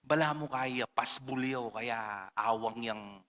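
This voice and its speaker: A man's voice: medium pitch, slow, sharp tone. A man preaching an impassioned sermon as a pastor, switching between languages. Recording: reverberant hall.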